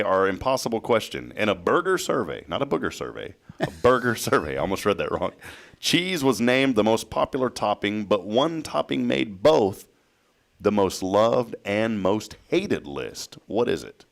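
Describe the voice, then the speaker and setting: A man's voice: on the low side, very animated, normal speed, vocal fry. A man hosting a casual morning talk show from a small studio, joking as he reads news items and quizzes his co-hosts. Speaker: host. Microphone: headset.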